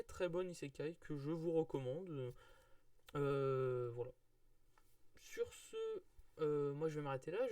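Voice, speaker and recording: A man's voice: fairly high pitch, darkish tone, dry recording. Chatty guy, rambling manga review. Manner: rambling, many fillers and restarts. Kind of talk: casual video review.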